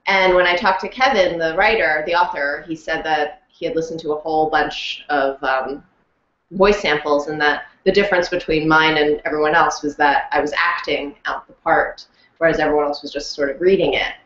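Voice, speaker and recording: A woman actor chats casually and tells a story with animated energy, often breaking into laughter. Her voice sits a little low, and the recording sounds roomy and lo-fi. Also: moderate pace. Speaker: actor and audiobook narrator. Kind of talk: casual chat.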